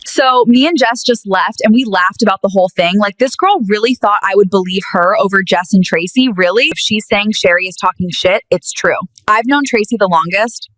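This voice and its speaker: A woman's voice: mid-range voice, moderate pace, few pauses, a bit bright, low-quality recording. A young woman hosting a casual, dramatic storytime, chatty and colloquial, acting out quoted remarks and swearing freely. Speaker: mukbang storytime host.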